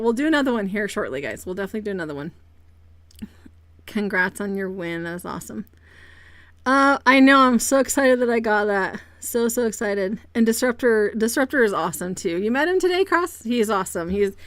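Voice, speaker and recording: A woman streaming a game live, chatting casually with her viewers and greeting them by name, with a quick excitable streak and repeated exclamations. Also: medium pitch, dry recording. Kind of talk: casual live-stream chat while gaming.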